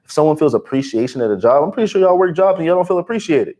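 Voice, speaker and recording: A man's voice: fairly high pitch, racing. Slangy young man giving business tips. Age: 20s. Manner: energetic, slangy, calls listeners bro. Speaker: livestream co-host. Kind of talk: casual advice chat.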